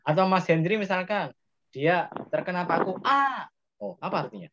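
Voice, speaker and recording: A man's voice: sits high, a little fast, highs cut off, very noisy. A man with a Javanese accent teaching a class and quizzing his students as he explains. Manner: asks students questions, explains step by step. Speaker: Islamic grammar teacher. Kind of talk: interactive classroom lesson.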